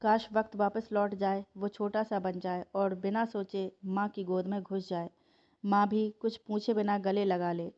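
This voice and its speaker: A woman narrates a family story in a steady, emotive voice. Her tone is warm and mellow. The recording sounds dull and lo-fi. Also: mid-range voice, unhurried.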